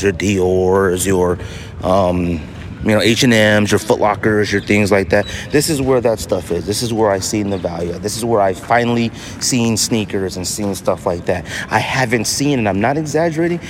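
A man hosts a casual solo podcast, speaking emphatically and repeating phrases to drive his points home. His voice is lowish, with background noise behind it.

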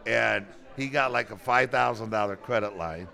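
A man's voice: fairly low pitch, normal speed, vocal fry, sharp tone. A man in his sixties telling rambling anecdotes with quoted dialogue in a casual chat. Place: convention center room.

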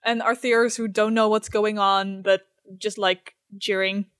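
A woman's voice: medium pitch, level tone, unhurried, fairly bright tone, smooth, no room sound. Woman game master, dry close sound. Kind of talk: casual improvised game narration.

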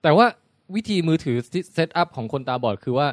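A man's voice: on the high side, a little fast, dry recording, clean studio sound. A man co-hosting a casual podcast chat, telling stories and acting out what people said. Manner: animated storyteller, acts out quotes. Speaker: podcast co-host.

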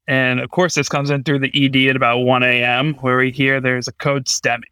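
Bright, flat-toned man presenting a case. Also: mid-range voice, smooth, no room sound. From United States. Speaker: cardiology fellow.

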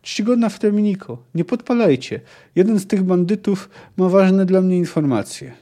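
Desperate shouting hunter, voice pushed high, read by a man. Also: animated, moderate pace. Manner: shouting, pleading.

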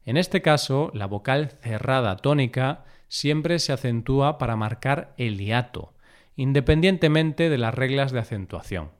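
A man narrating a scripted spelling lesson, repeating example words with deliberate, careful syllable stress. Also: medium pitch, expressive. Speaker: language teacher.

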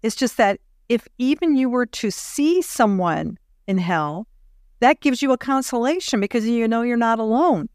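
A woman hosting a podcast interview, reflective and measured, slowing down on key phrases. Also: a little high, animated, a little mellow, dry recording, clean studio sound. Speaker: podcast host. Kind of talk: interview conversation.

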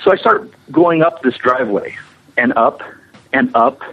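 Over a muffled, band-limited line that sounds like radio, a visual effects animator shares anecdotes in an interview. His medium-pitched voice is expressive with a breathy edge, and he talks at a measured pace in a chatty, enthusiastic, casual way.

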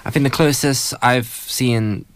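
A man's voice: medium pitch, fairly even intonation, measured pace, clean tone, dry recording. A man giving a casual film review as a critic, in an understated way.

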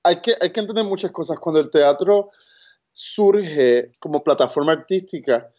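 A man working as a theater's communications director, speaking earnestly and deliberately in an interview. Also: on the high side, animated, a little mellow. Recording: dull lo-fi sound.

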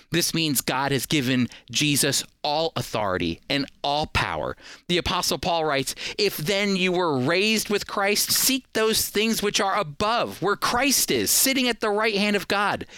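A middle-aged American man hosts a program, delivering scripted faith and politics commentary with earnest, preacherly emphasis. His mid-range voice sounds sharp, clear and resonant, with no room sound.

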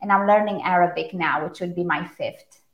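A Romanian brand strategist, a native speaker with a Romanian accent, answers interview questions about her own work articulately and emphatically. Her lowish voice keeps a moderate pace. The room is echoey and the highs are cut off.

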